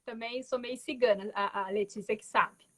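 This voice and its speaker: Crowd noise sits behind a woman's voice that is on the high side, with fairly even intonation and normal speed. She is in her forties, from Belo Horizonte, Brazil, with a Minas Gerais accent, and she thoughtfully tells her story as a guest artist on a video call, in reflective conversational storytelling with frequent tag words and restarts.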